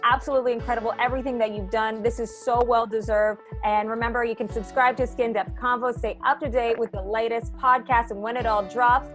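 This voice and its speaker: An upbeat woman co-host with a slightly high voice runs the podcast and reads the closing plugs. Faint music sits under her. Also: level tone, brisk, few pauses. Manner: upbeat and promotional. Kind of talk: hosting and scripted outro.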